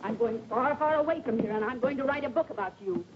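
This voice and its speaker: An actress playing a spirited young wife and writer in a 1940s film, defiant and hurt. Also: female voice, sits high, fast, noisy background, natural voice. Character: spirited young woman novelist, wounded wife. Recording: dull old film soundtrack.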